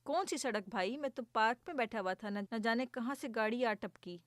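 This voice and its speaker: A woman voicing a bewildered man in a children's joke, quick and indignant. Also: fairly high pitch, no room sound, close to an everyday voice.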